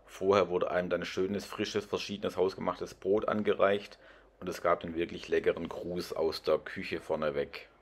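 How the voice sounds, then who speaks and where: A middle-aged man with a very low voice narrates a casual food vlog, chatty and enthusiastic. He films on a phone at arm's length. Clear street noise runs behind him. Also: little pitch movement, normal speed. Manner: chatty, enthusiastic, describes dishes. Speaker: food vlogger. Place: outdoors on a street and at a restaurant. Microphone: phone camera held at arm's length. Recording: noisy outdoor street.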